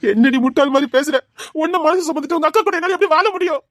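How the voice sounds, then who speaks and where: A desperate young groom in a home-made drama, voiced by a woman, pleading in a quick, high voice. The sound is close and dry, with no room around it. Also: no room sound, lightly acted. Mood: anguished. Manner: pleading, emotional. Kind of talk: amateur drama dialogue.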